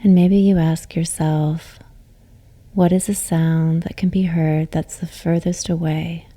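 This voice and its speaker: A low-voiced woman guides a yoga nidra practice, her pitch barely shifting. The pace is slow and the tone tender and calming, each phrase closing on a soft breath.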